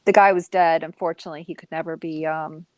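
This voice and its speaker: A woman's voice: low-pitched, steady tone, fast talker, darkish tone, dry recording. A woman in a casual live stream chat, telling a story in a chatty way with many fillers.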